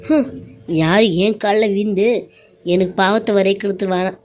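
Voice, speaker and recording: A defiant young daughter-in-law from a cartoon serial, voiced by a woman. Her mid-pitched voice is warm and mellow, yet her words come out reproachful and biting. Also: steady tone, normal speed, lightly acted. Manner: reproachful, sarcastic.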